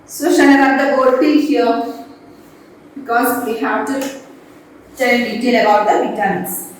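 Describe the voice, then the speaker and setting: A woman's voice: fairly high pitch, measured pace, a little hiss or hum. Echoey far-off woman teacher at a board. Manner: repeats points and quizzes the class. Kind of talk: classroom lesson at a board. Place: classroom.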